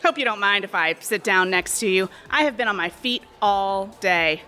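A woman's voice: medium pitch, normal speed, bright, forceful tone, close to an everyday voice. An actress in her thirties playing a sly, chatty cocktail waitress and aspiring actress in an audio drama. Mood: breezy. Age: 30s. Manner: chatty, sly, sweetly condescending. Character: scheming woman bar waitress, aspiring actress.

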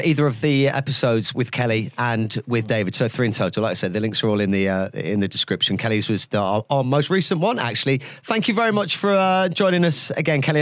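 A man's voice: mid-range voice, lively intonation, fast, few pauses, dry recording. A man with a British accent hosting a podcast, chatting casually and rambling a little as he corrects himself. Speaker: podcast host.

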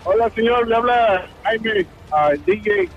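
A man's voice: high-pitched, unhurried, over loud music. A man, a DJ getting defensive and indignant on a phone call aired on the radio. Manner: defensive, insistent, increasingly indignant. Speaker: DJ, prank call target.

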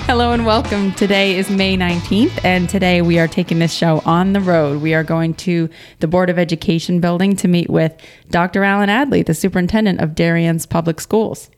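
A woman's voice: lowish voice, steady tone, brisk, soft background music. A woman co-hosting a local podcast, upbeat and leading the interview questions. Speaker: podcast co-host. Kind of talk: casual interview.

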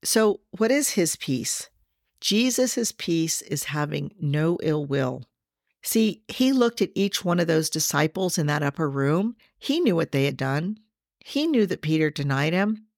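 Podcast host, woman with a deep voice, earnest teaching tone, dry close recording. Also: very animated, a little mellow, no echo. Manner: earnest, slows down to stress scripture; addresses listeners directly.

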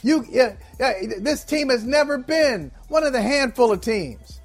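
Brief: middle-aged male sports host, very high voice, teasing and animated, faint music behind. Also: unhurried. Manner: teasing, animated, acts out quoted fans. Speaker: podcast co-host. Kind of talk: casual sports talk.

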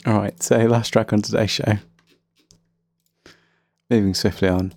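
A man's voice: fairly low pitch, fairly even intonation, measured pace, darkish tone. A man with a faint Birmingham accent hosting a casual solo music podcast, chatty, rambling and self-deprecating. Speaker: podcast host.

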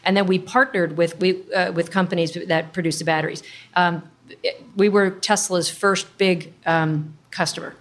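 A woman's voice: lowish voice, steady tone, normal speed. A middle-aged woman speaking as a startup founder in an interview, explaining things informally with plenty of industry jargon. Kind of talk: conversational interview storytelling.

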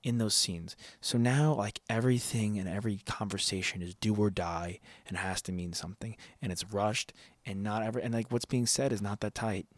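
Animated low-voiced man, casual chat. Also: moderate pace, no echo. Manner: animated, swearing, lots of "like" fillers. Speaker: podcast co-host.

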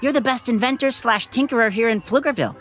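A woman's voice: fairly high pitch, quick pace, fairly bright tone, faint music behind, lightly acted. A woman playing an earnest, encouraging young male superhero in a children's audio story.

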